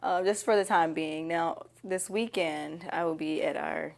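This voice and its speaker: A woman's voice: deep voice, steady tone, unhurried, creaky. A woman giving candid, conversational answers as an interviewee. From Nashville, Tennessee.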